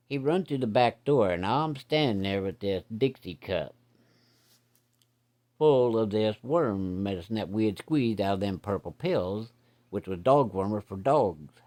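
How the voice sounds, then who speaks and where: A middle-aged man with a fairly low, slightly mellow voice tells a long story from his boyhood in a casual, conversational way. He uses plain, folksy country grammar and takes on the voices of the people in his tale. His delivery is animated yet slow, with long pauses.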